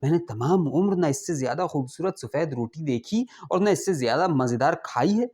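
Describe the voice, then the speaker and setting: Humble hungry poor man, polite, voiced by a male storyteller, somewhat high voice. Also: lively intonation, darkish tone.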